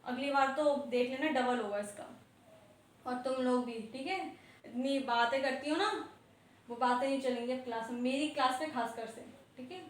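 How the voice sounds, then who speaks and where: High-voiced stern woman teacher. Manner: stern, scolding, mixes English words. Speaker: schoolteacher. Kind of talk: scolding a class. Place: school classroom. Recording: echoey classroom, faint background noise.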